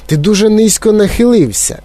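A man's voice: fairly high pitch, animated, moderate pace, a little mellow, pitched above the performer's own voice. A man voicing a flustered, blustering father in a storybook reading. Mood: worried. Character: flustered stout father, middle-aged man.

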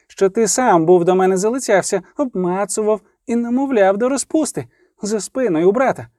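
A man doing a shrill young noblewoman. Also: mellow, dry recording, clean studio sound. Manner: shrieking, pleading.

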